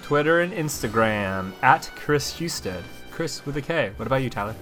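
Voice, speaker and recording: A man's voice: mid-range voice, animated, normal speed, a bit bright, faint music behind. A man co-hosting a podcast, laid-back and casual, giving short replies with some hesitation. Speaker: podcast co-host. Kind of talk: casual chat about a TV show.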